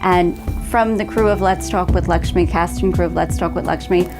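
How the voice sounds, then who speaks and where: A woman's voice: fairly low pitch, fairly even intonation, normal speed, music in the background. A woman hosting a TV interview show, asking questions and heaping praise on her guest. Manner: effusive, complimentary. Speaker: TV show host.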